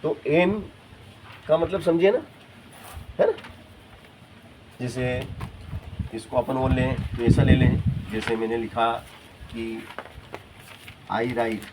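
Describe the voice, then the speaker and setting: A male teacher, speaking at mid pitch, leads a grammar lesson in a classroom. He talks slowly and patiently, repeating words and checking in with the students. The recording carries clear background noise.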